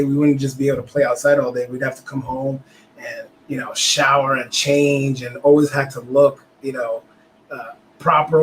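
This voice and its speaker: A man co-hosting a casual talk show, speaking reflectively with many pauses and fillers. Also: mid-range voice, slight background noise, low-quality recording. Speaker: podcast co-host. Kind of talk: casual conversation.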